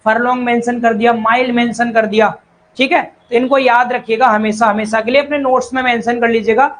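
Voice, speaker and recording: Male tutor with a high voice, repeats terms, reads definitions slowly. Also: fairly even intonation, fairly bright tone, slight background noise, rough recording. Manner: repeats key terms, calls students brother and child; reads English definitions slowly, then explains in Hindi. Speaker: civil engineering teacher. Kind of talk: online exam-prep lecture.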